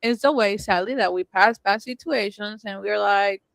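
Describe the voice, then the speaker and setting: A woman from Puerto Rico with a Puerto Rican Spanish accent, co-hosting a casual podcast chat and telling animated stories, often laughing and acting out what she said. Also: mid-range voice, normal speed, creaky, dry recording, poor audio. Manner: animated storytelling, laughs often, quotes herself. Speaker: podcast co-host.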